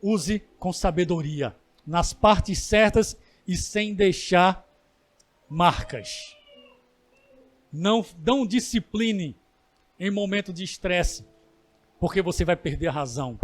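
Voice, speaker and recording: A Brazilian man preaching as a pastor, building to emphatic bursts and then slowing into drawn-out pleas. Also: high voice, expressive. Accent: Brazilian Portuguese. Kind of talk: sermon.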